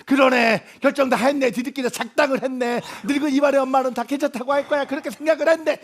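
A frantic, put-upon groom. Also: male voice, very high voice, steady tone. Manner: frantic rapid storytelling, mimics his mother shrilly. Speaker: stage actor playing Yvan. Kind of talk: stage play monologue.

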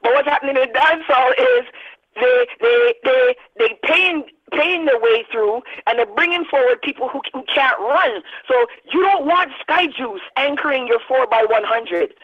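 A woman in her thirties, a radio interview guest, making an animated, emphatic argument. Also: high voice, normal speed. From Barbados. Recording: dull lo-fi sound.

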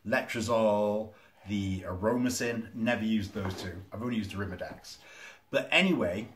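A man's voice: on the low side, fairly bright tone. A man talking casually to camera in a vlog, rambling and candid with plenty of ums. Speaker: vlogger.

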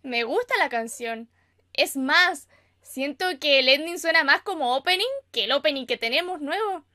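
A young woman with a Chilean accent reacting to an anime episode in casual, excitable commentary, gasping and squealing and chatting to her viewers. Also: sits high, normal speed. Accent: Chilean Spanish. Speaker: anime reaction channel host. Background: anime episode audio and music.

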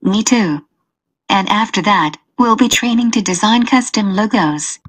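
A woman acts as a friendly, curious female student with a husky, mid-pitched voice. The lines are a scripted exam dialogue. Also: measured pace.

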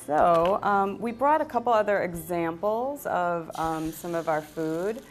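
A woman's voice: fairly low pitch, expressive, measured pace, a little hiss or hum. A middle-aged woman, a restaurant owner, explaining a menu on a TV cooking segment with a hesitant, earnest manner. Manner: hesitant, lots of ums, earnest. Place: indoor TV studio kitchen set.

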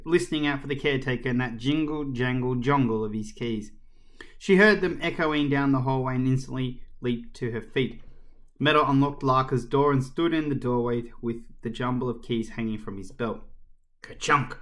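Man reading a children's story aloud. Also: medium pitch. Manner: lively, expressive reading.

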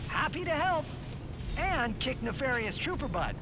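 A woman's voice: high voice, big pitch swings, heavy background noise. An actress voicing a chirpy, cheerful female robot sidekick who sounds eager and upbeat. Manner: eager, upbeat, quick to help. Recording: video game audio under loud music.

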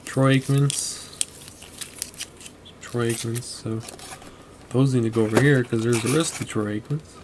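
A man's voice: medium pitch, fairly even intonation, measured pace, long pauses. Man muttering names over a noisy recording. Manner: chatty, muttering names as he flips through cards. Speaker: card collector vlogger. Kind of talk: casual narration while sorting cards. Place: desk at home, indoors.

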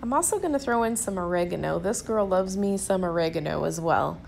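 A woman's voice: on the low side, animated, brisk, vocal fry, a little mellow, a little hiss or hum. A woman with a Southern US accent, a cooking vlogger, giving a chatty, upbeat voice-over and talking straight to her viewers. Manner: chatty, upbeat, addresses viewers as "you guys". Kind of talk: casual voice-over narration.

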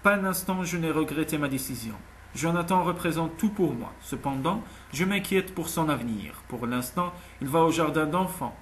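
A man's voice: a little high, animated, normal speed, a bit bright, a little hiss or hum. A man voicing a proud, anxious young single mother in an audiobook, speaking earnestly. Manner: earnest, tense, pleading. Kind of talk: audiobook character voice.

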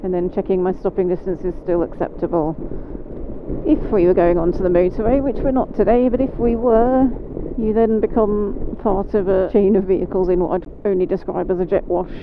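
This mid-range, calm voice belongs to a British woman who teaches motorcycling, narrating every step as she rides on rain-soaked roads. Her helmet microphone gives a phone-like sound, and the noise of the road and engine comes through.

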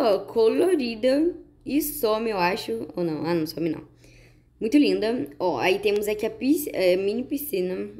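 A woman with a Brazilian Portuguese accent giving chatty, excited gameplay commentary to her viewers. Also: mid-range voice. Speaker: gaming YouTuber.

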